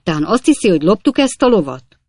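A woman voicing an excitable, indignant old gentleman who shouts in high-strung bursts. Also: dry recording, clean studio sound, close to an everyday voice.

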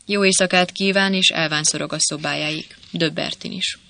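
An audiobook narrator reading a novel in a steady, measured storytelling manner. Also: medium pitch, vocal fry, no echo. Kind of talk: scripted narration.

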